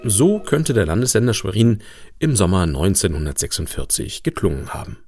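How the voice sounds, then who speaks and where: A man's voice: on the low side, very animated, moderate pace, vocal fry, darkish tone, soft background music. A man reading scripted documentary narration as the narrator of a radio feature.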